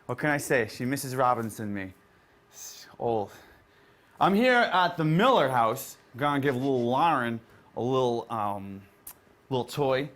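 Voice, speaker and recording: A man's voice: animated, a little slow, fairly bright tone. A man playing a goofy, scatterbrained Santa Claus who rambles through a comedy bit. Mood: giddy rambling. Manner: rambling, high-spirited, distracted.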